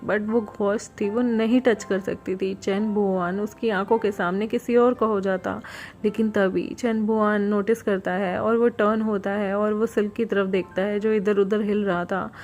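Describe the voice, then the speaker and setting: A woman recounts a fan fiction romance in an easy, conversational manner, dropping English words in as she goes. Her voice sits at a middle pitch. Soft background music plays faintly under her. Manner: plain conversational retelling with English words mixed in. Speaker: storyteller. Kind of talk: retelling a fan fiction story.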